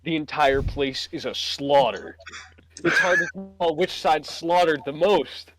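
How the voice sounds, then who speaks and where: A man's voice: fairly high pitch, a little slow, a bit bright. A man playfully reading an AI text adventure aloud, sometimes laughing. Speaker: player narrating.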